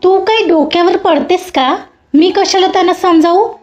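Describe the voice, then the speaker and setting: A woman's voice: extremely high pitch, moderate pace, a little mellow, pitched above the performer's own voice. A woman voicing a jealous, dismissive young male assistant who speaks in a curt, defensive way. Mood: sulky. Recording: dull lo-fi audio with faint music.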